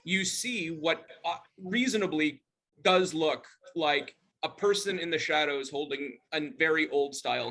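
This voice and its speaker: A middle-aged man from Montreal, Canada, a club member, casually tells a personal ghost story over a video call. His voice is a little high, with a bright, forceful tone.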